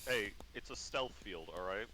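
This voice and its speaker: A man playing in a tabletop game, hesitant and pausing with "uh" and "um" as he explains. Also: fairly low pitch, lively intonation, sharp tone, slight background noise, low-quality recording. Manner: hesitant, searching for words with many "uh" and "um". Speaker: player. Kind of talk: casual tabletop game chat.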